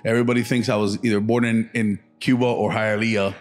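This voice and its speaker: A man's voice: fairly low pitch, level tone, brisk, faint music behind. A man in his thirties from Miami, a comedian guest chatting loosely with lots of slang and swearing on a podcast. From Miami, USA. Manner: loose, profane, slangy banter. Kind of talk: casual podcast chat.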